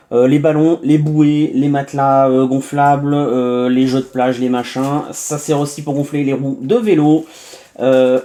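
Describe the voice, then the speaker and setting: A man's voice: medium pitch, dark tone. A man from France hosting a casual unboxing review, chatty and full of hesitations and little asides as he narrates each step. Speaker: tech reviewer.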